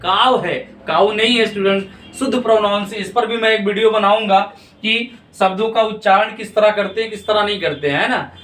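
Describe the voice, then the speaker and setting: A man's voice: high voice, fairly even intonation, brisk, fairly bright tone. A man teaching English grammar in a video lesson, asking his students questions, answering them himself, and checking in often. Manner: checks in often with "theek hai na". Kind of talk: classroom-style video lesson. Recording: echoey room, mic at a distance.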